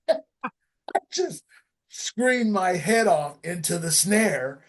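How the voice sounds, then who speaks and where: A man, a session drummer, telling studio stories in a casual interview, lively and acting out sounds with frequent laughs. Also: a little high, breathy edge. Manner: animated, acts out sounds and quotes, laughs often.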